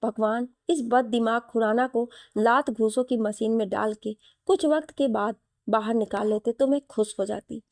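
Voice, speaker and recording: A woman's voice: fairly high pitch, fairly even intonation, moderate pace, a little mellow, dry recording, clean studio sound, natural voice. A woman voicing a bold, hungry young office worker who talks bluntly and cheekily. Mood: cheeky.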